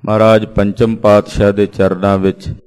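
A man preaching a reverent sermon, retelling a sacred story in a measured way and reciting verses. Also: on the low side, flat delivery, a little mellow, smooth. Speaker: Sikh preacher.

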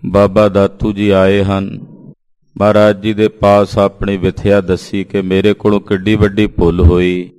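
A man preaching a reverent sermon, retelling a sacred story in a measured way and reciting verses. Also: fairly low pitch, little pitch movement, a little mellow, smooth. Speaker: Sikh preacher.

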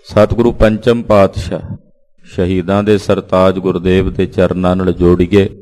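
A man preaching a reverent sermon, retelling a sacred story in a measured way and reciting verses. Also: low-pitched, flat delivery, warm tone. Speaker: Sikh preacher.

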